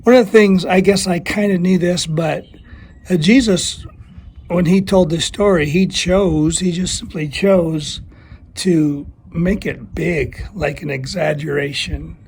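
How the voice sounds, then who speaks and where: A man giving a casual devotional talk in a thin, squeaky, strained voice, as if under the weather, with a folksy, self-deprecating manner. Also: measured pace, darkish tone, slight background noise. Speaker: church small-group leader giving a video teaching.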